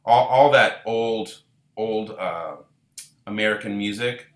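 A man from Israel who heads a band speaks slowly with a fairly low pitch, the room echoing around him. In this long, casual interview he's relaxed and rambling, frequently restarting and using fillers.

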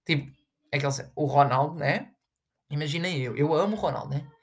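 A man's voice: on the high side, quick pace, husky. A young man with a European Portuguese accent, ranting casually to his viewers in a rambling, sarcastic way full of fillers. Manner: sarcastic, with big jumps into mocking voices. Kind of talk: casual rant to camera.

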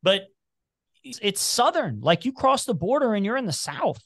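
A man's voice: high voice, normal speed, no room sound, clean studio sound. A man from Cincinnati with a slight Appalachian twang, chatting casually and rambling as a podcast guest. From Cincinnati, Ohio, US. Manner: rambling, animated, many restarts.

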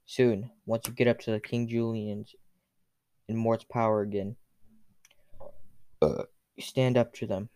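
Slow, casual male storyteller. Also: fairly low pitch, little pitch movement, warm tone, clean tone, no echo. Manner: casual, unscripted, with fillers. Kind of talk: second-person storytelling.

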